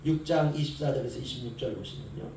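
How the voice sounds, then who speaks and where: A male pastor with a mid-range, slightly mellow voice speaks at a quick pace during an early-morning sermon in a church sanctuary. Telling stories, he acts out the voices of servant and master. The sound is distant and echoey, with faint hiss.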